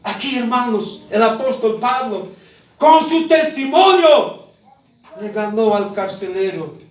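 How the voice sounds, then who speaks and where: Bolivian Andean male preacher, bilingual sermon, very high voice, picked up from across the room. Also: animated, slow. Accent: Bolivian Andean Spanish. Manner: call-and-response questions to the congregation; rises to shouts on key points. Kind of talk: bilingual sermon in Spanish and Quechua. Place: church hall. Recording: echoey room, distant mic, dull sound.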